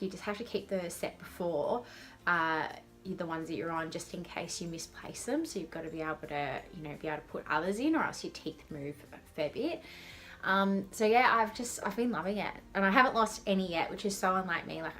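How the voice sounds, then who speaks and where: A woman's voice: medium pitch, fairly bright tone. A young adult woman chatting casually and informally to camera, with a lisp and whistling s sounds from dental aligners, rambling in a self-deprecating way. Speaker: vlogger.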